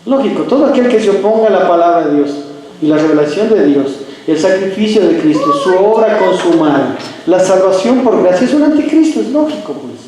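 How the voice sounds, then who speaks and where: A man's voice: high voice, animated, a little fast, dark tone. A male pastor preaching a sermon, emphatic and often asking the congregation rhetorical questions. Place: church sanctuary. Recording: very echoey church room.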